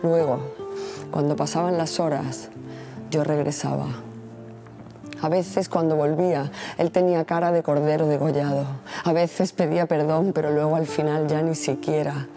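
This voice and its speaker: A woman in her forties, a poet reciting her own poem in a measured, solemn way. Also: sits low, steady tone, music in the background. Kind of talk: poetry reading.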